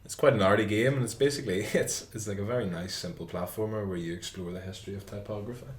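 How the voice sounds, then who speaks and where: Low-voiced man in an echoey room. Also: quick pace. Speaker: podcast co-host. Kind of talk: casual chat. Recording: echoey room with background noise.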